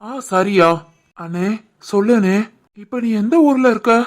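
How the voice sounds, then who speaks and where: A woman voicing an earnest, soft-hearted young husband and son in an animated family drama, with a Tirunelveli Tamil accent. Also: mid-range voice, a little slow, lightly acted. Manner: earnest, pleading.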